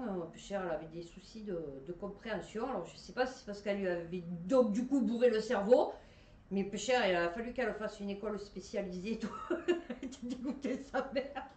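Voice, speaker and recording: A woman's voice: medium pitch, fairly quick, darkish tone, roomy sound, recorded from a distance, a little hiss or hum. A woman with a Marseille accent reads science headlines and chats about them casually, with many fillers and restarts. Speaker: host reading science news. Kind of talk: casual commentary on news articles.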